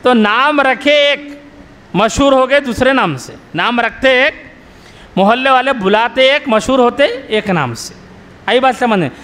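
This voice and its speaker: A middle-aged male religious scholar lecturing a live crowd in a fairly high voice. He tells homely stories and keeps stopping to quiz his listeners, repeating the key point until they answer. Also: lively intonation, measured pace, pushed and bright, big-room sound. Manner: quizzes the audience with repeated questions; storytelling with everyday examples. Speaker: Islamic scholar, maulana.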